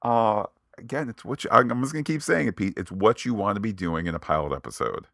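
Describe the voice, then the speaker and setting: A man's voice: on the low side, lively intonation, fast, vocal fry, a bit bright, dry recording, clean studio sound. A man hosting a podcast, recapping an episode with playful, mock-sarcastic asides. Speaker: podcast host.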